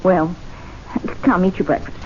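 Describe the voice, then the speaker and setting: An actress playing Martha, a calm, practical wife who scolds dryly, in a 1970s radio drama. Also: female voice, on the low side, measured pace, natural voice. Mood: chiding. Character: practical wife, middle-aged woman, patient. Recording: dull old radio broadcast, faint hiss.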